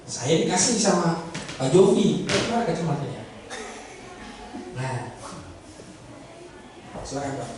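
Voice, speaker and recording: A man's voice: on the high side, a little mellow, slight background noise. A man preaching to a congregation, acting out a pleading sinner in a dramatic sermon illustration. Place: church hall. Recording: echoey church hall from far off.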